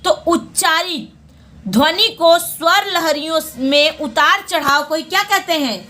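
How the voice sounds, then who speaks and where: A woman teaching a Hindi exam lesson, going through questions and repeating each answer back as a quick question and reply. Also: extremely high pitch, bright, forceful tone.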